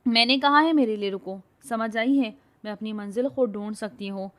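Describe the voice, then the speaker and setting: Woman doing a loud, bossy young heroine with a short temper. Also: medium pitch, little pitch movement, close to an everyday voice. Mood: furious. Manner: loud scolding, bragging.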